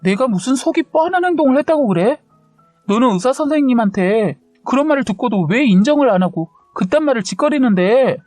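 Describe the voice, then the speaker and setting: A woman's voice: medium pitch, lively intonation, brisk, a little mellow, no room sound, faint music behind, close to an everyday voice. A woman voicing a curt, quarrelsome young husband who defends his mother, read on a close, dry mic in an audio story. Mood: angry.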